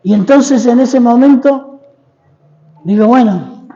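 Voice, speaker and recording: A man's voice: extremely high pitch, slow, dark tone, long reverb tail, lo-fi sound. A middle-aged man with an Argentine accent preaching a sermon as a dramatic personal testimony, calling on the congregation to repeat his words. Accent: Argentine Spanish. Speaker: guest preacher. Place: church hall.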